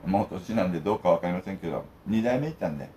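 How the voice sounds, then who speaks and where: A middle-aged man from Okinawa chats at his table in a low voice that swoops up and down with lively pitch. He rambles from one joking story to the next. Faint noise sits under the voice. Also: rapid-fire. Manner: jokey, wandering storyteller. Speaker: food vlog host. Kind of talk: casual rambling chat while eating.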